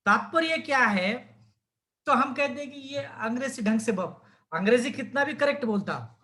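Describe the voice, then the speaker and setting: High-voiced man teaching a class. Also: fairly bright tone. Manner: asks students questions and models pronunciations. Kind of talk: lecture on speaking skills.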